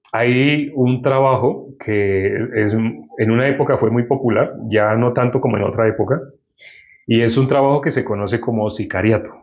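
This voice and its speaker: A man preaching a sermon and reading from the Bible, explaining and putting questions to his listeners. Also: mid-range voice. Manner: explanatory, asks the audience questions. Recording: dull lo-fi recording.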